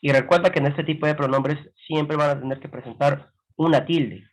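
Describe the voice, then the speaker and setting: A man teaching a grammar lesson, explaining slowly and checking in with frequent rhetorical questions. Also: fairly high pitch, steady tone, poor audio. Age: adult with a grown son.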